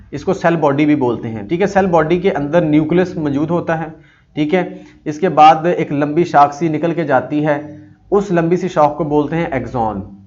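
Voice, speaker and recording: A man teaching a psychology lesson, reading English lines slowly and then explaining them with many fillers. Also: fairly high pitch, a little mellow. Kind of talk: explaining a lecture. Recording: dull lo-fi audio.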